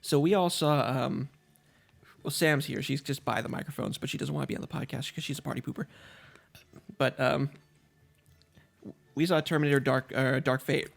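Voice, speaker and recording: A man's voice: mid-range voice, steady tone, normal speed, vocal fry, pauses often. A man co-hosting a casual podcast, rambling and joking while eating into the microphone. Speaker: podcast co-host. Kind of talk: casual chat. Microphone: studio microphone.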